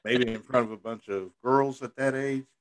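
A man co-hosting a casual podcast chat, talking in a measured, reflective way that often trails off softly. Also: mid-range voice, steady tone. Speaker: co-host.

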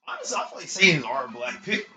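A man's voice: a little high, very animated, a little fast, bright, forceful tone. Slangy young man, ends lines with "bro". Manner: slangy, easygoing, tacks on "bro" often. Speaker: podcast co-host. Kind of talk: casual chat.

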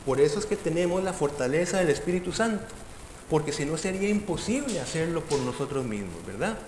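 A man's voice: a little high, animated, a little fast, a little mellow. A man preaching a sermon, emphatic, calling his listeners brothers and sisters and posing rhetorical questions. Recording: echoey hall with faint background noise.

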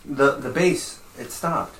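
A young man co-hosting a podcast, joking and playing along in casual chat with friends. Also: mid-range voice. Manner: joking, quick to play along. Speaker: podcast co-host. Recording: roomy, distant mic, loud noise.

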